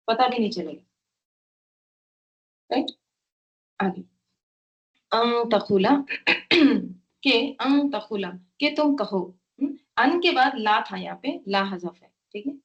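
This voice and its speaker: Woman, Quran teacher, fairly high voice, patient word-by-word explanation, muffled lo-fi sound. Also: fairly bright tone. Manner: explains word by word, checks in with "right?". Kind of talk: tafseer lesson. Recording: dull lo-fi sound.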